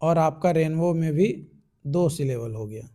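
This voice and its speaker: A young man with an Indian accent teaching English rules in an online exam-prep lesson, explaining each rule slowly in mixed Hindi and English. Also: fairly high pitch, dark tone.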